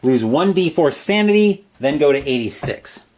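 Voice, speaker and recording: A man's voice: on the high side, sing-song, normal speed, darkish tone. A man playing a solo horror gamebook alone, reading the entries aloud with dramatic narration and asides about his dice rolls.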